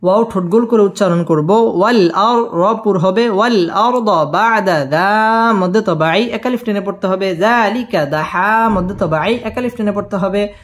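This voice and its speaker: A man teaching Quran recitation, spelling out letters and vowel marks one by one and then chanting each verse slowly. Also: sits high.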